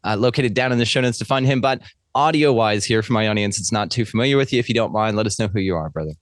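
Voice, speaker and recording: A man's voice: lowish voice, quick pace, no echo. Chatty guy hosting a podcast, keeps saying brother, dry close sound. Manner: effusive, calls guest brother and friend. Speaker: podcast host. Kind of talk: casual interview chat.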